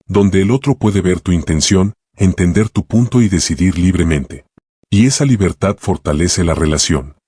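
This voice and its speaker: Low-voiced, husky man for calm self-help audiobook narration, measured phrasing, dry close sound. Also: dry recording. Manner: calm, measured delivery in short reflective phrases.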